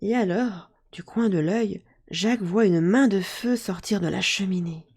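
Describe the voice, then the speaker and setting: A woman narrating a children's story in a lively, expressive way. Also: medium pitch, unhurried, breathy edge.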